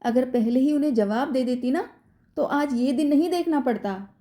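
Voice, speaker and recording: A woman's voice: sits high, moderate pace, dark tone, pitched above the performer's own voice, lightly acted. A woman voicing a middle-aged mother, anxious and indignant on her daughter's behalf. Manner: anxious, then outraged.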